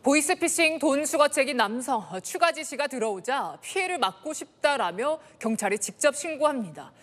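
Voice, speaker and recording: Female anchor reading the news, high voice, lots of reverb tail. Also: animated, moderate pace.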